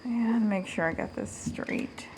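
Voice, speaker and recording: A woman's voice: mid-range voice, slow, background noise. A woman giving a casual hands-on DIY demonstration to viewers, informal and thinking aloud as she goes. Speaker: DIY tutorial host.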